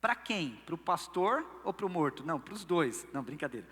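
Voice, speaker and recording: A man's voice: a little high, very animated, normal speed, a bit bright, breathy edge, big-room sound. A male pastor with a Brazilian Portuguese accent preaching a sermon, telling stories playfully and acting out quotes. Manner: playful storytelling, acts out quotes. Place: church service.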